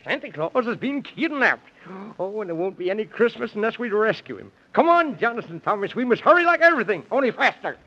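An actor playing a fussy, befuddled, excitable moon man who repeats himself, in a 1930s children's radio serial. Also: high-pitched, a little fast, hardly any pauses, full character voice. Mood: flustered, alarmed. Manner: dithering, repeats himself, pedantic nonsense logic. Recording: dull vintage 1930s radio recording.

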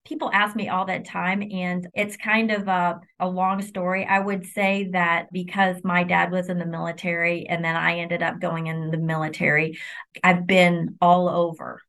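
A woman's voice: lowish voice, flat delivery, moderate pace, a bit bright. A middle-aged woman from Illinois, a university general counsel, speaking as a guest in a conversational interview, reflective and open. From Illinois, United States. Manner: reflective and open, with frequent restarts.

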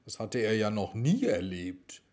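Slow, gentle bedtime storyteller man. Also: fairly low pitch. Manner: slow, gentle, lively intonation. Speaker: children's storyteller.

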